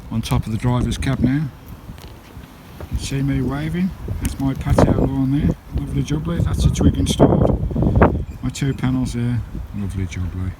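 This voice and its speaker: This British vlogger, mid-range in voice and moderate in pace, chats casually to viewers while working hands-on in and around a campervan outdoors. "Guys" comes up often as he addresses them. The handheld recording is windy and noisy.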